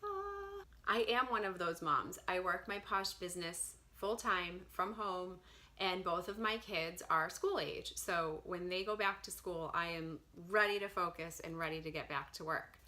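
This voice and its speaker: Woman, 30s, animated storyteller, lowish pitch, bright tense tone. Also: moderate pace. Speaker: direct sales consultant. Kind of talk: casual talk to camera.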